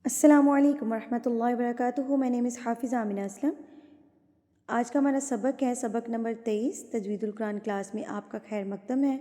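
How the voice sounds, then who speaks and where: A woman teaches recitation rules in a patient, step-by-step way, asking and answering her own questions. Her voice sits high, and her recited verses are slow and drawn out. A long reverb trails behind her words. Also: dark tone. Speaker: Quran tajweed teacher.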